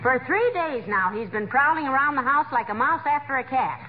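An actress playing a patient, drily teasing housewife in 1940s radio comedy style, measured and gently sarcastic. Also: female voice, high voice, expressive. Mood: dry. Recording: noisy narrow-band old radio recording, studio audience.

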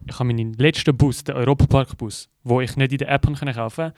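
A young Swiss German man tells a story at high speed and acts out every exchange. His voice is recorded dry and close, with no room sound. He speaks at a middle pitch, in a casual podcast chat. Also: fast, no room sound. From Switzerland. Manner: animated, acts out dialogue in his stories. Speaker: podcast co-host.

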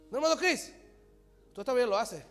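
A man preaching a sermon, swinging from loud, fast preaching to hushed whispers. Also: very high voice, lively intonation. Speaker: pastor. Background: music playing.

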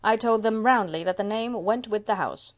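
Pitching her medium voice above her own natural range, a woman gives a lightly acted performance of an emphatic 70-year-old landlady. The proud, brisk spinster owns her house and speaks decisively, at a moderate pace.

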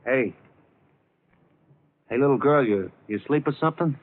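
An actor playing a brutish, boastful young gangster who talks tough street slang, in 1940s radio acting style. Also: male voice, medium pitch, lively intonation, normal speed, noisy background, natural voice. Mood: leering. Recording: tinny 1940s radio broadcast.

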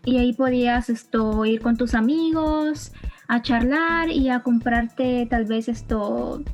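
A young woman from Honduras with a Honduran accent, chatting hesitantly on a podcast and filling pauses often. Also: on the high side, darkish tone, dull audio, soft background music. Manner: hesitant, fills pauses with "esto", giggly. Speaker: student podcast guest. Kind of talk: casual podcast chat.

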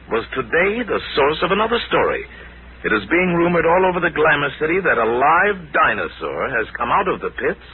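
A man's voice: medium pitch, close to an everyday voice. A man plays a learned, composed detective hero from a 1940s radio drama. His delivery is formal and theatrical, with sweeping intonation. It sounds like an old broadcast, thin and narrow, with faint hiss. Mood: intrigued. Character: calm, erudite male crime-fighting detective lama. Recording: tinny, hissy old radio recording.

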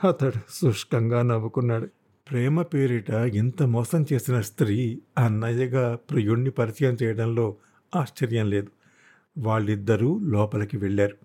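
A man narrating a thriller novel as an audiobook in a steady, dramatic storytelling manner. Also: mid-range voice, normal speed, husky. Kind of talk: scripted narration.

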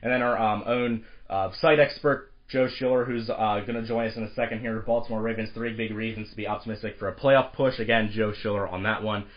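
A man hosting a sports podcast who is fighting a cold, so his voice is a bit raspy, talking briskly with lots of filler words. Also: on the low side, steady tone, lo-fi sound. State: has a cold, slightly raspy. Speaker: podcast host. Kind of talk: sports podcast intro and discussion.

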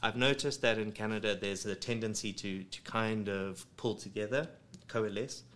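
A creative studio head from South Africa, appearing as a guest, talks casually in an interview from a home studio using a studio microphone. His voice is lowish, steady, and fairly bright at normal speed, and he rambles with many ums and restarts.

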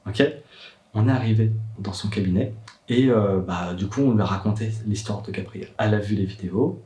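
A man's voice: on the low side, fairly quick, dark tone, roomy sound, far from the mic. A young man, a worried father, telling his story in a hesitant vlog monologue full of fillers and restarts. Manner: hesitant, many fillers and restarts, rising when upset.

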